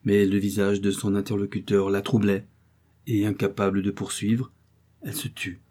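A man narrating a literary story in measured, expressive tones. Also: lowish voice. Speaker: audiobook narrator.

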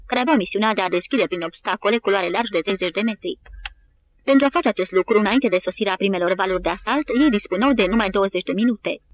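A woman narrates an audiobook at a steady, even pace in a mid-range voice. A faint hiss sits under her reading. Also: mid-range voice. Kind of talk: scripted narration.

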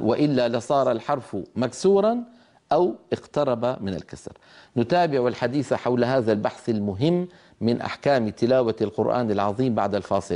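Brief: male tajweed teacher, mid-pitched, patient, models each sound for the class. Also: warm tone. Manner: patient, demonstrates letter sounds aloud; asks listeners to repeat after him. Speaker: Quran recitation teacher. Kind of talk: televised tajweed lesson.

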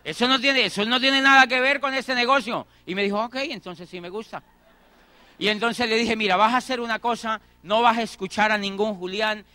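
Man, middle-aged, motivational speaker; very high, brassy voice, dry close sound, repeats lines for emphasis. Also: pushed and bright, no echo. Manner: repeats phrases for emphasis, acts out dialogue. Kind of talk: motivational talk with acted anecdotes.

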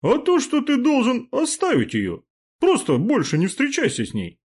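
A pompous, threatening rich young man pitched up high and loud, as a man narrator puts him on, husky at the edges and swinging his voice wildly between sneers and barked demands in an audiobook. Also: wildly swooping pitch, normal speed, full character voice. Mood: demanding. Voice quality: pompous, hissing menace. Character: arrogant rich young male game player, threatening.

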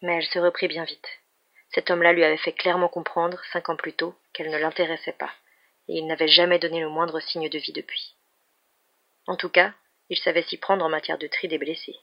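Gravelly woman reading a novel aloud. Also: low-pitched, little pitch movement, brisk. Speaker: reader. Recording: dull lo-fi recording.

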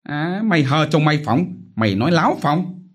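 A brutal village chief barks threats and curses in a strained, raised voice with a husky edge, as a man reading a novel puts him on. The voice leaps high and loud above the reader's own and swings all over the place. It belongs to a storybook tyrant. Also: animated, moderate pace. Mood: furious.

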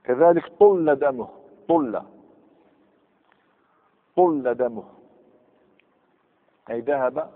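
A man teaching grammar in a lecture hall. He quizzes his students and repeats key words. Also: medium pitch. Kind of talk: classroom lecture. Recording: phone-like sound with long hall reverb.

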